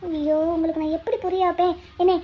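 Vennila, a shrill wary village girl. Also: flat delivery, fast talker, warm tone. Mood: coaxing. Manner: talks to herself, pleading and coaxing. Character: young village woman, wary and scheming. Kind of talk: cartoon voice acting, inner monologue and dialogue.

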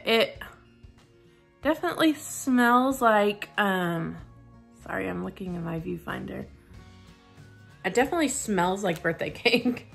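With a mid-range, fairly bright voice touched by vocal fry, a young beauty vlogger reviews a subscription box in casual chat. Musing aloud with many fillers, she unboxes the makeup and tries it on.

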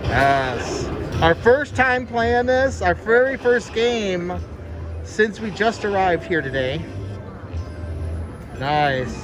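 A man hosting a slot machine video with excited live commentary, exclaiming and repeating his phrases. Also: high-pitched, slow. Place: indoors on a casino floor. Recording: loud music over voice, casino floor. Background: loud slot machine music.

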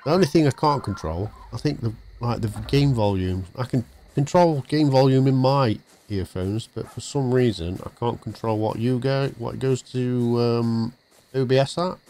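A man's voice: medium pitch, moderate pace, dark tone. A man chatting casually to viewers while playing on a live stream from his home setup. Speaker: game streamer. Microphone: desk mic through a mixer.

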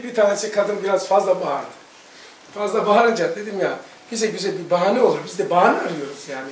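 A middle-aged man, a religious teacher, giving a sermon and telling stories that he acts out in dialogue. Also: high-pitched. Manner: animated storytelling, acts out dialogue. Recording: echoey room, voice from far off.

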